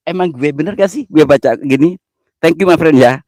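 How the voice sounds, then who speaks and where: A man in a casual live-stream chat with a fairly high voice. He is giggly and easily flustered and mixes slang with broken English. The sound is dry and close. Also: a little slow, darkish tone, no echo.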